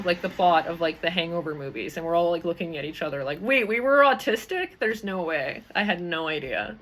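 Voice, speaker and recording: A woman's voice: fairly low pitch, fairly bright tone. A young adult woman hosting a live stream to her community, talking casually, bubbly and rambling, with frequent laughs and fillers.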